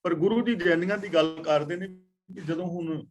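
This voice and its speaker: Man, fairly high voice, scripture teacher, slow verse recitation, word-by-word explanations, online class. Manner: recites verses slowly, then explains words and their pronunciation. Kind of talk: religious lesson explaining scripture. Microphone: online class call.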